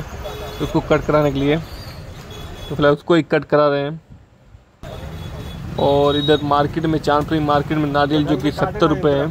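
A young man giving a casual running commentary for his village vlog while riding and shopping outdoors. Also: fairly high pitch. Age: young adult. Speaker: vlogger. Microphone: camera at arm's length. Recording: loud street noise behind.

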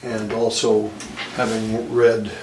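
A middle-aged repair technician and presenter thinks aloud in short, matter-of-fact remarks while working on a repair in an indoor electronics workshop. His voice is on the low side and monotone, and he takes it slowly. The recording sounds roomy, with a distant mic and workshop noise.

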